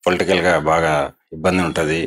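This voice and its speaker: A man, a police circle inspector, answering interview questions in a measured, formal way. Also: low-pitched, little pitch movement, a bit bright.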